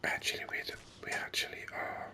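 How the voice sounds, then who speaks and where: Someone hosts a gaming video in gentle, unhurried ASMR whispers close to the mic, musing about the game as they play.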